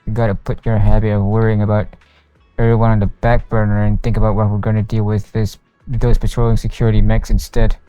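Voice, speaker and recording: This male game streamer's voice is fairly low, level, mellow, clear and resonant, and he talks fast, with lo-fi sound quality. Livestreaming, he reads out the game's dialogue and narration with the odd stumble, in a roomy recording backed by faint game music.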